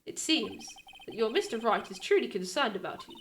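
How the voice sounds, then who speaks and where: A calm, cultured killer in a mystery video game, as a woman drops her voice low to play him. He is courteous and deliberate, yet every word carries a threat, and he never raises his voice. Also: noisy background. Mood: coolly menacing. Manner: slow, formal, quietly threatening. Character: cold, polite male assassin, calm and menacing.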